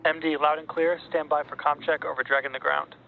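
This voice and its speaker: Flat, higher-voiced man over a pilot headset. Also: a little fast. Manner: clipped, formal callouts over a pilot-style headset. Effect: radio headset comms. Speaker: mission director on launch comms. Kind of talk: procedural radio comm checks. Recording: narrow phone-like radio channel with noise.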